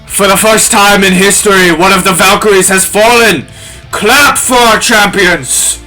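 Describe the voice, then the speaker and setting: A man voicing a male god whose booming, magically amplified voice proclaims to an arena crowd, as game master of a tabletop game. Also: steady tone, a little slow, sharp tone, faint music behind, low-quality recording. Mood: triumphant. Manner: proclaiming, grandiose. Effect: booming, magically amplified announcer voice.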